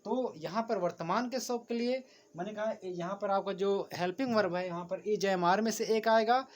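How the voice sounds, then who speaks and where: A man teaching English grammar talks at a moderate pace in a high-sitting voice while writing on a board. Patient and repetitive with each point, he keeps greeting his viewers as friends.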